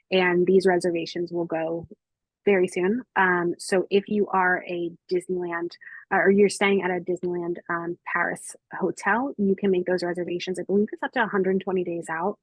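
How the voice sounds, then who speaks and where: A woman's voice: fairly low pitch, slightly rough, dry recording, rough recording. A woman with an American accent chatting casually and informally as a travel podcast co-host.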